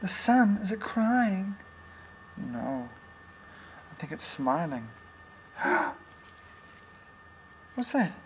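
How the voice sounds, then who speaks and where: A man's voice: sits high, very animated, very slow, pauses often, a little hiss or hum. An older man, playfully reading picture books to a toddler at home, with teasing questions and animal noises.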